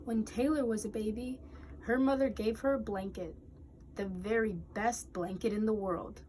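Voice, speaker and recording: A woman hosting storytime reads a children's picture book aloud, her voice on the high side and her delivery deliberate and expressive in storybook style. There is slight background noise.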